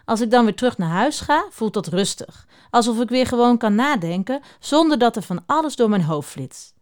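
A woman opening the school day by talking to children and then reading a book excerpt aloud, in an expressive storytelling way. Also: on the high side, moderate pace. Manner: expressive storytelling read-aloud, acting out the first-person character.

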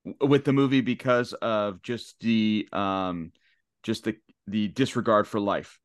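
Low-voiced man hosting a casual podcast. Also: fairly even intonation, dry recording, clean studio sound. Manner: halting, lots of restarts and fillers. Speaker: podcast host.

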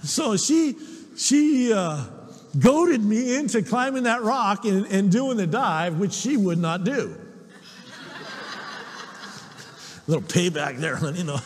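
Husky, lively preaching man. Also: very high voice, in a large hall. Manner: storytelling, animated, self-deprecating humor. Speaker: pastor. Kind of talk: sermon.

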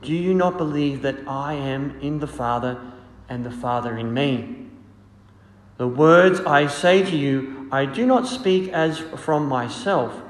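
A priest reading the gospel and preaching a homily in a slow, measured, solemn way, heard with a cathedral-like echo. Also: male voice, medium pitch. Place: large church. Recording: long reverberant church echo.

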